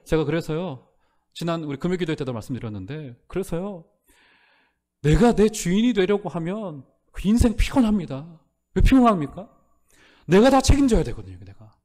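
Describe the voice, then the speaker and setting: A man preaching a Sunday sermon as pastor, earnest, asking the congregation rhetorical questions and dropping softer for prayerful lines. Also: high voice, very animated, moderate pace. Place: church sanctuary.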